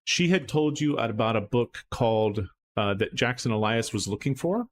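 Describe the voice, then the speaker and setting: A man's voice: mid-range voice, animated, moderate pace, slight background noise. A man acting as game master, recapping a tabletop horror game in a loose, rambling way full of fillers and restarts.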